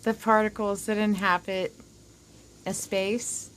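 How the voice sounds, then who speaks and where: This oracle card reader and host has a mid-range, fairly bright voice, and she speaks slowly in a level tone. The low-quality recording carries slight background noise. Her s whistles because of dental work, and her reading for viewers is casual, rambling, informal and sprinkled with swearing.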